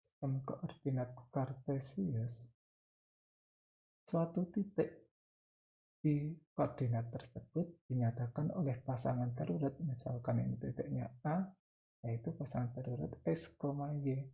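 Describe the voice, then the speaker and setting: A man's voice: medium pitch, measured pace, gravelly, warm tone, highs cut off. A man with an Indonesian accent teaching mathematics step by step, dictating in short phrases and repeating key terms. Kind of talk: spoken math lesson, explaining step by step.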